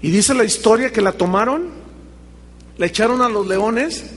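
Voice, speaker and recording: High-voiced pastor preaching in a big hall. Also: male voice, lively intonation, normal speed, fairly bright tone, husky. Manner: dramatic storytelling, acting out quoted voices. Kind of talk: sermon.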